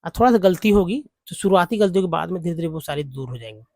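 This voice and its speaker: A man's voice: high voice, lively intonation, fast, darkish tone, no room sound. Patient male teacher, dry close sound. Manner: repetitive, patient, uses many fillers. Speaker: English teacher. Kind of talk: spoken Hindi lesson on English vowel sounds.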